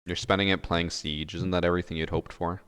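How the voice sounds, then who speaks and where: A man's voice: deep voice, flat delivery, quick pace, fairly bright tone, smooth. A man streaming a game, chatting casually and teasing a friend with sarcastic banter. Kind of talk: casual gaming stream chat.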